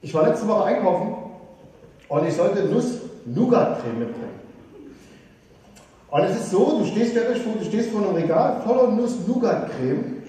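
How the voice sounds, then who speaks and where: A man from Saxony preaching a sermon, lively and putting questions straight to his congregation. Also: high voice, moderate pace, pauses often. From Saxony, eastern Germany. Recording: echoey hall, voice from a distance.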